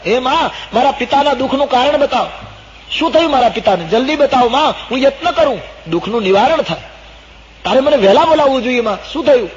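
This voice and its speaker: A man's voice: very high-pitched, lively intonation, brisk, slight background noise, pitched above the performer's own voice. A man voicing the young prince Ram as a devoted, anxious son who pleads earnestly, in a dull, echoey old 1980 hall recording. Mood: urgent.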